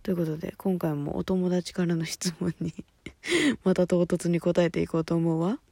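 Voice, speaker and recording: Gravelly, dark-voiced woman chatting alone. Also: fairly low pitch, normal speed, no room sound. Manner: chatty, laughs often, drops to murmurs. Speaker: podcast host. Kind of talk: solo casual chat. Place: at home at night.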